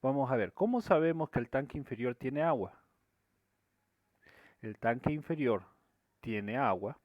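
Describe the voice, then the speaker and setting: A man's voice: mid-range voice, expressive, measured pace, dry recording. A man teaching a screen-recorded programming lesson, explaining each step and often checking that students follow. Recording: dry, dull lo-fi recording.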